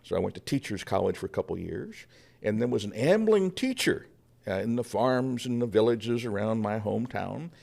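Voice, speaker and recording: Man doing a folksy 1800s Norwegian pastor, gravelly, lively pitch, humble. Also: normal speed. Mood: warm storytelling. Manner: folksy storytelling with frequent uh fillers and chuckles. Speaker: guest, historical reenactor. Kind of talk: first-person historical character portrayal.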